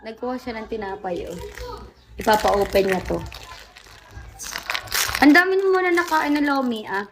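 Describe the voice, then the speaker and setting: A woman with a fairly high voice chats casually on a phone livestream, greeting viewers and talking to her toddler. She slips into sing-song baby talk. A steady hiss of noise sits under her voice. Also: normal speed, pauses often. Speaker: mother and livestreamer. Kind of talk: casual live-stream chat.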